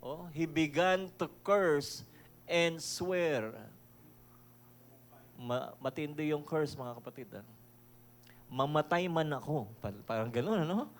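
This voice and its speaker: A pastor from the Philippines giving a conversational sermon, mixing Tagalog and English, reading verses slowly and chuckling as he asks his listeners questions. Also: fairly high pitch. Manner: reads scripture verses slowly and deliberately; chuckles often, asks the audience rhetorical questions.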